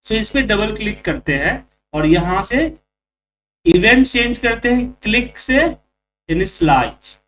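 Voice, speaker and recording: A man's voice: high-pitched, fairly bright tone, far from the mic. A man teaching a live online coding class, explaining step by step, his voice distorted and clipping with a tapping crackle. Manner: explains step by step, slowly spelling out code. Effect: clipping, distorted mic with tapping crackle.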